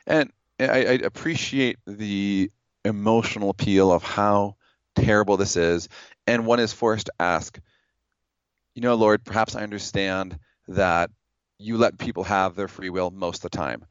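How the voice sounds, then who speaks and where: Low-voiced man calmly arguing theology. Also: clean tone, dry recording, muffled recording. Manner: measured, explanatory, uses hypotheticals. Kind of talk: debate.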